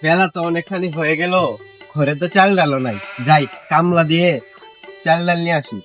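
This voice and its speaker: A man's voice: a little high, steady tone, fairly quick, fairly bright tone, faint music behind. A man with a rural Bangladeshi Bengali dialect, playing a poor debtor villager who pleads and argues in a comedy skit. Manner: pleading, defensive.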